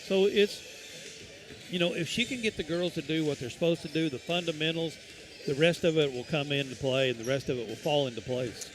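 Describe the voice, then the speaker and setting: A man's voice: on the high side, brisk. Folksy rambling basketball color commentator man. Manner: rambling, folksy, many fillers and restarts. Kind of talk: casual high school basketball commentary.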